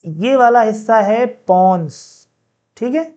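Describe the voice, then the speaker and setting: Chatty male teacher, mellow voice. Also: sits high, lo-fi sound. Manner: chatty, asks the class questions; mixes in read-out English sentences, slowly. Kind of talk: classroom lecture.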